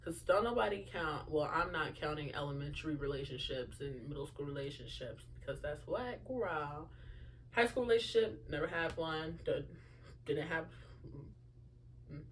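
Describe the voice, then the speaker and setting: Young female host, early twenties, low voice, rambling casual asides, faint room hum. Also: lively intonation, moderate pace. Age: young adult. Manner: chatty, lots of fillers and asides to listeners. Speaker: podcast host. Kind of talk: casual solo chat.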